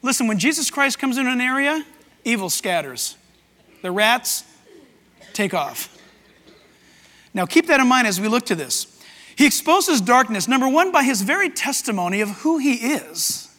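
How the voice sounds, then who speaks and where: A man preaching a sermon as pastor to a church, animated and acting out voices as he goes. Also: very high-pitched, moderate pace, pauses often. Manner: animated, acts out voices and quotes. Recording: hall with long reverb.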